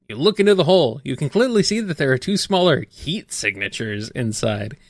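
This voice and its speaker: A man's voice: mid-range voice, fairly bright tone, no room sound, studio quality. A man running a text adventure, narrating in a matter-of-fact way and stumbling a little when he improvises. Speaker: game master.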